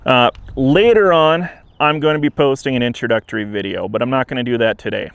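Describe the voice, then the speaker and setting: Man, clear smooth voice, medium pitch, earnest and measured, informal video update, dry outdoor sound, passing traffic. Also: no echo. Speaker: interim museum director. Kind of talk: informal spoken update to camera. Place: outdoors beside a trail, with traffic and wind. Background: traffic and wind.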